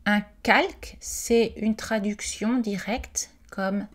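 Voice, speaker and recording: A woman's voice: mid-range voice, fairly even intonation, slow. A woman reading an informational presentation aloud, carefully and with the odd hesitant aside. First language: not Quebec French.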